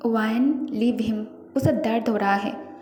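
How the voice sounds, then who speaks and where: A woman voicing a calm, matter-of-fact young husband in her own voice, recorded in an echoey room with faint music. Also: fairly high pitch, unhurried, lightly acted.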